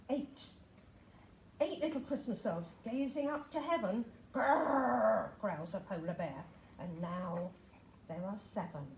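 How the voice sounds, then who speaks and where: An expressive woman reads a children's picture book aloud, sing-song and playful, her lively voice rising and falling. Her reading echoes in a roomy space with a faint hum behind. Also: mid-range voice. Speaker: children's storytime reader. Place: library room.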